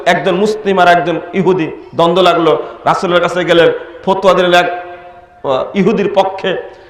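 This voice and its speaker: A man preaching an impassioned sermon, firing rhetorical questions at his listeners. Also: sits high. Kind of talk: Islamic sermon. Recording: echoey hall, speaker far from mic.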